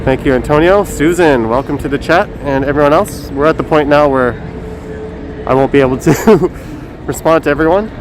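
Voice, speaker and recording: A man chats casually and haltingly on a live stream, speaking through a face mask. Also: fairly high pitch. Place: outdoors in a windy downtown city square. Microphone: phone on a gimbal. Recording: noisy windy city street, traffic.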